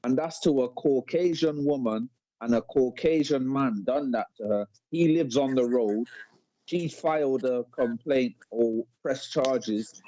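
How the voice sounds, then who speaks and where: Dull, lo-fi live stream audio carries a panel guest's story, told in street slang during casual debate chat. His voice is mid-range and dark, and he keeps repeating words.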